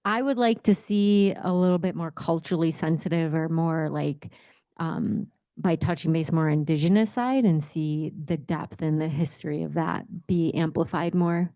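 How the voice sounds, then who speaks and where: A woman's voice: deep voice, normal speed, warm tone, no echo. A woman from Alaska who owns a small business, speaking shyly and hesitantly on a conference panel. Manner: shy, hesitant, many fillers.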